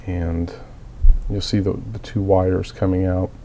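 This man speaks with a low, dark voice, a level tone and a measured pace, against slight background noise. A miniature hobbyist still shaking off a cold, he coughs now and then as he plainly and methodically guides a casual tutorial on a hobby build, full of fillers.

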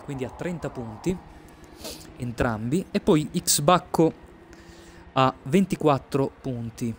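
Man, medium pitch, casual esports racing commentary, hesitant repetitive phrasing, clear game engine noise. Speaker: esports race commentator and streamer.

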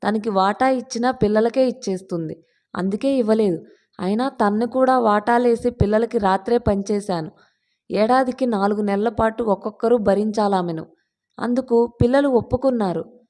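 A woman's voice: fairly high pitch, normal speed, mellow, natural voice. A woman reading as a dying old husband. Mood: explaining. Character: dying elderly husband explaining his will.

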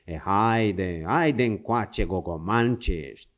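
A man voicing a gruff, crafty old male frontier hunter who grumbles and scolds, in a dull lo-fi audiobook recording. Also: lowish voice, close to an everyday voice.

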